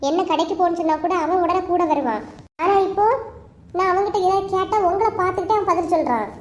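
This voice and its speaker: A woman's voice: very high voice, fast, reverberant. A woman with a Kanyakumari accent voicing a defiant younger sister who is in college, in a cartoon. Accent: Kanyakumari Tamil. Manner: defiant, accusing.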